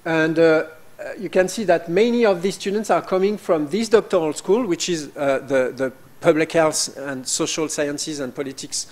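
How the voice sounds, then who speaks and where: A man with as his presenting a doctoral program at an information session, halting with frequent fillers. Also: a little high. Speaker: program director.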